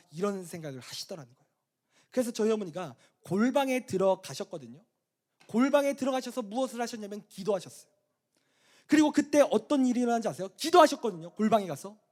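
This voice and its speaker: Animated high-voiced male pastor preaching. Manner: animated comic storytelling, swinging from loud exclamations to low asides. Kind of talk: youth retreat sermon.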